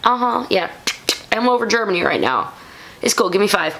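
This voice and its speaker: A woman's voice: medium pitch, sing-song, fairly quick, gravelly, bright, forceful tone, pitched above the performer's own voice, heavily acted. A woman doing a breezy, chatty Santa Claus. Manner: offhand, chatty, laid-back. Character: breezy casual male Santa Claus on the phone.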